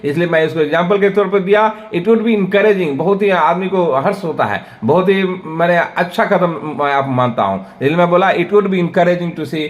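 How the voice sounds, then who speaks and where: A man's voice: high voice, normal speed, hardly any pauses. Hindi-speaking man teaching English words. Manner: explains patiently with everyday examples. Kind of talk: bilingual vocabulary lesson.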